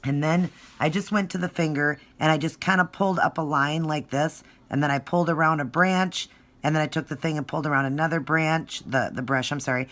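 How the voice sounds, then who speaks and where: A woman's voice: sits low, fairly even intonation, fairly quick, a bit bright. A woman giving a casual step-by-step craft tutorial, talking informally and thinking aloud as she works. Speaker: nail art tutorial presenter. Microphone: phone. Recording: noisy home phone recording.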